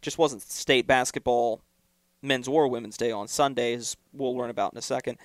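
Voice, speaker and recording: A man's voice: medium pitch, steady tone, moderate pace, dry recording, clean studio sound. A young man hosting a college sports talk show, giving blunt, punchy opinions. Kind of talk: college sports podcast chat.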